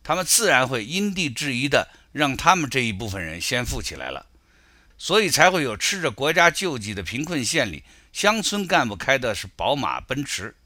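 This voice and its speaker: Man, middle-aged, critical commentary, animated intonation, crisp bright tone. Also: medium pitch, moderate pace, no echo, studio quality. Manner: critical, argumentative, storytelling. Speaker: political commentator. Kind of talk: spoken political commentary.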